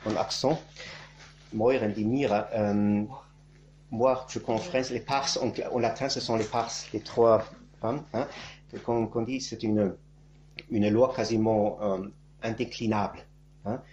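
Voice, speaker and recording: This male speaker, a native German-speaking priest-monk, gives a catechesis in a halting manner, groping for words and ending phrases with "hein." His voice sits on the low side with fairly even intonation and a darkish tone, in a muffled recording with slight background noise.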